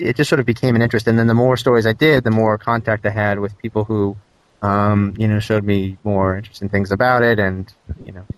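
A man who is a journalist guest answers interview questions, thinking aloud in a halting way with many restarts. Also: lowish voice, slight background noise, poor audio.

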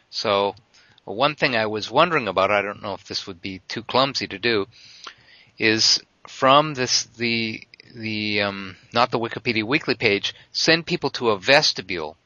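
Male panelist, crisp bright tone, dry close sound, earnest and cautious. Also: on the low side, no room sound. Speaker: podcast panelist. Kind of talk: casual conference call chat. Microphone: computer mic on a voice call. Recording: muffled lo-fi internet call audio.

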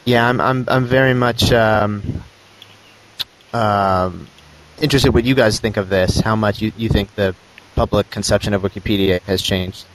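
A man who is a journalist guest answers interview questions, thinking aloud in a halting way with many restarts. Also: lowish voice, fairly even intonation, rough recording.

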